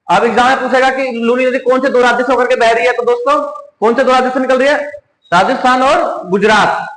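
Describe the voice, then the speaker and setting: A man's voice: very high voice, fairly bright tone. A man with a Hindi accent teaching an exam-prep lesson, repeating each question and answering it himself. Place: coaching classroom. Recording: echoey room.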